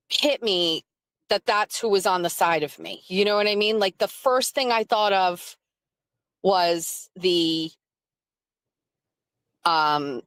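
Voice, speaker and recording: A woman's voice: lowish voice, fairly bright tone, no room sound. A woman telling a story on a live stream, rambling with many fillers and reading chat comments. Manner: rambling with frequent "like" fillers and laughs; reads and answers chat comments.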